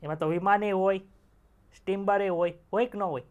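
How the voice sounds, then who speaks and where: A man's voice: sits high, fairly even intonation, normal speed, a little mellow, highs cut off. Joke-telling male teacher. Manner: chatty, tells jokes, quizzes students with rhetorical questions. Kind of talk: online exam-prep lecture.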